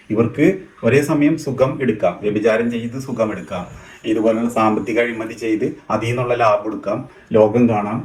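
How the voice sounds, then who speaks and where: A man talks at a fast clip and mocks the claims he takes apart, his tone sarcastic throughout. His voice sits in the middle range. The recording carries a noticeable room echo. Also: medium pitch. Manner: sarcastic, mocking. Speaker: rationalist commentator. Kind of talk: critical commentary.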